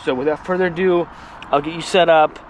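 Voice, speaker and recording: A man's voice: a little high, fairly even intonation, brisk, a little hiss or hum. A man hosting a firewood channel, chatting casually outdoors in a yard as he demonstrates a saw, with rambling asides. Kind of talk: casual equipment demo vlog.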